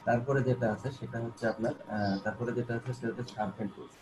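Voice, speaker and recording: A man teaching a graphic design class, walking through software tools step by step, repeating himself and coaxing learners to look closely, with many fillers and restarts. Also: medium pitch, fairly even intonation, fast talker, rough recording. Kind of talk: screen-recorded software tutorial.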